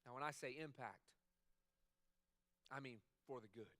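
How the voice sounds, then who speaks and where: A man's voice: mid-range voice, normal speed, sharp tone, no room sound. A man preaching a sermon as a pastor, talking conversationally and repeating phrases for emphasis. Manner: acts out quoted dialogue in other voices.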